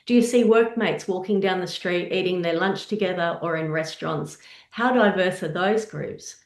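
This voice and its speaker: Earnest woman presenting, roomy echo. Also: fairly low pitch. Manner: earnest, measured, posing rhetorical questions. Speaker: presenter on intercultural practice. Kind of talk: presentation with slides.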